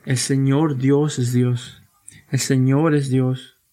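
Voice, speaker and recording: A man's voice: mid-range voice, flat delivery, takes it slowly, mellow. A man preaching a sermon to his church, earnest and emphatic, with frequent restarts and repeated rhetorical questions. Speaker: pastor.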